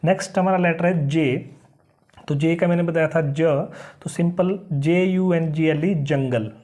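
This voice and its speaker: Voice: medium pitch, mellow. An English teacher giving a beginner lesson, spelling each word letter by letter and then pronouncing it in a patient, repetitive way. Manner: spells words letter by letter, then says them slowly.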